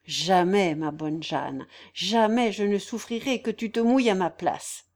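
A woman reading a novel aloud voices a gentle, remorseful young nobleman who speaks in a measured, formal way. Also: mid-range voice, lightly acted. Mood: tender. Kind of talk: audiobook character voice.

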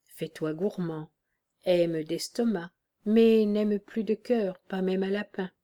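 A woman voicing a dying old male army captain who speaks in a weak, hushed, steady way with dry humour. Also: mid-range voice, takes it slowly, natural voice. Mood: weary, tender.

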